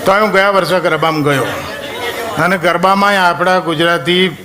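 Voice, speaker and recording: A man with a Gujarati accent doing stand-up comedy on stage, telling stories in a lively way and breaking into drawn-out snatches of film songs. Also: sits high, a loud crowd, very noisy.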